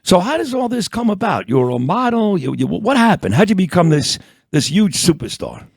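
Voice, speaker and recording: A middle-aged male radio host with a fairly high, very animated voice that swings up and down as he reacts. He jumps in with quick questions and exclamations, and the recording is dry and close. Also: creaky, slightly rough, dry recording. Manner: excitable, quick to interject. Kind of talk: casual interview.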